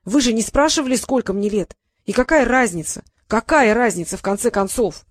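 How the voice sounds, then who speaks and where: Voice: medium pitch, a little fast, no echo, natural voice. A reader voicing a young boy dragon, pleading. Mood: defensive. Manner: pleading, excitable shouting. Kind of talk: audiobook character reading.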